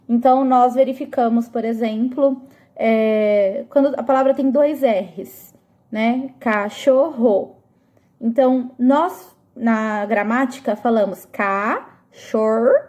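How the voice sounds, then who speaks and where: A woman's voice: high-pitched, mellow. A woman teacher giving a review lesson to eighth graders, explaining patiently and often stopping to check that the students follow. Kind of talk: recorded classroom review lesson.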